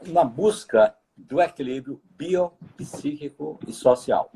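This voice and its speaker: A man, speaking as a guest expert in a measured, lecturing way. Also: fairly high pitch, mellow, breathy edge. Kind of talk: explanatory conversation.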